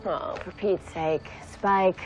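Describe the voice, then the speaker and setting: An actress playing a quippy, flustered young female vampire slayer with an American accent and a halting, rambling delivery in a television drama. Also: on the low side, fairly even intonation, soft background music, low-quality recording. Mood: exasperated. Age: young adult.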